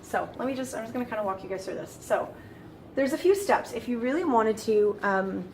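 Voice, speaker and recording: A woman's voice: a little high, animated, fairly quick, darkish tone, a little hiss or hum. Chatty woman teaching a casual lesson. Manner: chatty, restarts phrases, explains step by step. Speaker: French teacher.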